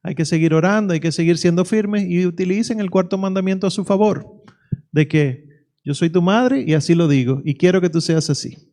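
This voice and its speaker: A man's voice: high-pitched, normal speed, dark tone. A male physician giving a conversational lecture at a conference, emphatic and full of rhetorical questions. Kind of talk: lecture to a pro-life audience. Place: conference hall.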